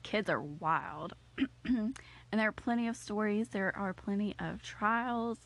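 A woman's voice: medium pitch, slow pace, fairly bright tone. A woman co-hosting a podcast, playful and teasing but earnest when she turns serious. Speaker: podcast co-host. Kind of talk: casual chat.

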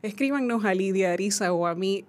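A woman's voice: medium pitch, a little fast, darkish tone. Woman plugging a small theater concert on the radio, upbeat. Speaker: theater representative. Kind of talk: casual chat, announcing. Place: radio studio.

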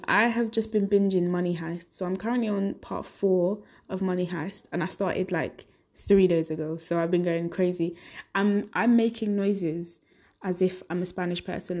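A woman's voice: medium pitch, dark tone. A young adult woman hosting a solo podcast, chatting casually and rambling, often laughing at herself. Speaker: podcast host.

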